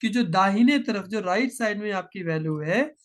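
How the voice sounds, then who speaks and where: High-voiced man teaching coding. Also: animated. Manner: patient, step by step, slows to dictate code. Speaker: programming teacher. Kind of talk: screen-share coding tutorial.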